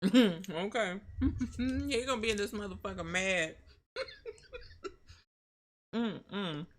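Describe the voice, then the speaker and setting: A woman telling a story on a live stream, animated and profane, often breaking into laughter. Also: medium pitch, extremely slow. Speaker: streamer co-host.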